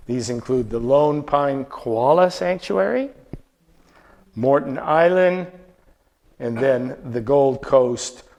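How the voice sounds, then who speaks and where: Man, mid-pitched voice, chatty slideshow travel talk, quizzes the audience, frequent restarts. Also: darkish tone. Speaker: travel presenter.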